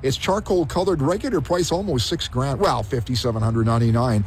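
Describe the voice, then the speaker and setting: A man's voice: medium pitch, brisk. A man hosting a live promotional radio remote on location. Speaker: radio host on a remote broadcast. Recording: noisy on-location broadcast.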